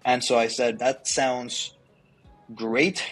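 This young Colombian founder of a startup talks slowly in a steady, mid-range, fairly bright voice during a casual interview on a video call. He's wearing earbuds in an office with a large window and chats along with lots of likes and ums. The low-quality recording has faint music behind it.

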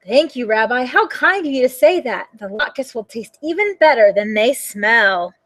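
A woman's voice: a little high, animated, moderate pace, a bit bright, no room sound. A woman doing a chirpy ninety-seven-year-old granny. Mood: cheery. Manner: cheery, chatty and fussing over her guest. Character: sweet frail old woman, ninety-seven, hard of hearing. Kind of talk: storybook character voice.

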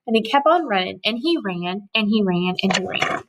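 A woman in her thirties reading a children's story aloud with expressive, rhythmic storytelling. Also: medium pitch, moderate pace, background noise. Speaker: storybook reader. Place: small indoor room with cupboards.

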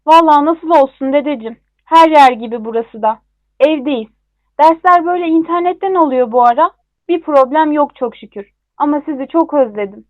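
A woman's voice: high voice, a little fast, a little mellow, no echo, close to an everyday voice. A young woman acting a breezy, affectionate member of the family in a radio drama. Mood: apologetic, fond. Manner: breezy, casual. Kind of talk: Turkish radio theatre acting. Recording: thin phone-like line, dry.

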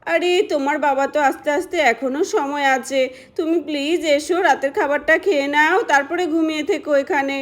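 A woman voicing a gentle aunt who coaxes a child to come and eat, in a doll-play story. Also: high-pitched, fairly even intonation, normal speed, lightly acted. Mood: coaxing. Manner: coaxing, pleading.

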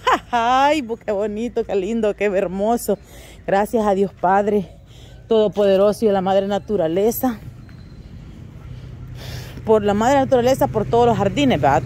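A woman's voice: fairly high pitch, mellow. An older woman, chatting homely and rambling to her viewers from her rural yard, calling them fond pet names and searching aloud for words. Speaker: vlogger. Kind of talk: casual chat to camera. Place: rural yard and garden outdoors.

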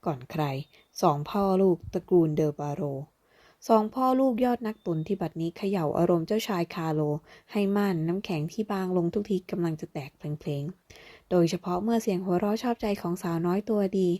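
A woman narrating a fantasy novel aloud, slowing down as she voices the characters. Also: fairly low pitch, dark tone. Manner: voices characters with slow, deliberate delivery. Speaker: audiobook narrator. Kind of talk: dramatic novel reading.

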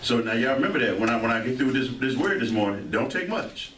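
Joking St. preacher in an echoey church. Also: male voice, mid-range voice, lively intonation, quick pace, background noise. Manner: joking, call-and-response with many amens. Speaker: pastor. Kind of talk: sermon. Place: church sanctuary. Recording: echoey church hall, mic far off, congregation audible.

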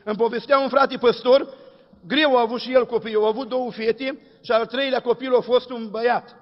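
A man's voice: extremely high pitch, fairly even intonation. A man preaching a sermon, telling stories and acting out the dialogue in folksy speech. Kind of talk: sermon with anecdotes. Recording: dull echoey hall recording.

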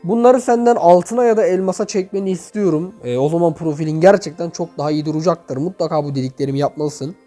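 A young man with a high voice runs through a game-account review in chatty commentary, speaking straight to his viewers. His voice echoes off a half-emptied room, and quiet music plays underneath. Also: fast talker, hardly any pauses. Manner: chatty, addresses viewers directly and often. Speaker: gaming YouTuber reviewing player accounts. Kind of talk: casual commentary over gameplay.

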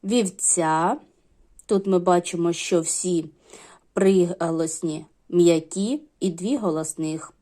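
Slow, patient woman teaching children. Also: fairly low pitch, warm tone. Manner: slow, patient, explaining step by step. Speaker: primary school teacher. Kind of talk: classroom lesson for young children.

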